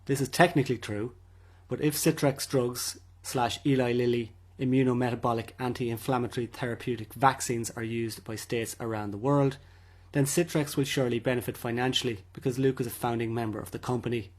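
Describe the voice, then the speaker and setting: A man narrates a scripted commentary in a medium-pitched voice. The tone has a husky edge, and he reads as a voice-over. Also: fairly even intonation, fairly quick.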